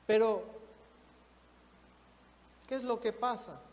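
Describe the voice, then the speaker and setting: A man preaches a sermon in a high, ringing voice. He builds his points with rising emphasis and acts out quoted speech. The long reverb of a church hall trails every phrase. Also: takes it slowly, darkish tone, a little hiss or hum. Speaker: minister.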